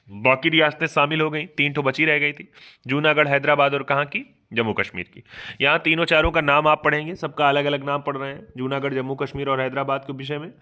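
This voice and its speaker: A man giving a fast online exam revision lecture, asking questions aloud and answering them himself, often checking in with his students. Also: fairly high pitch, pushed and bright. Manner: quizzes himself aloud, keeps asking "ठीक बात है ना". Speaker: exam coaching teacher.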